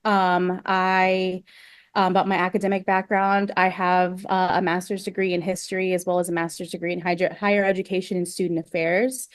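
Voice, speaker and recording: A woman's voice: fairly low pitch, little pitch movement, fairly quick, no echo, studio quality. A young adult woman from Venezuela, a historian talking casually in an interview, with many fillers and restarts. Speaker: guest historian.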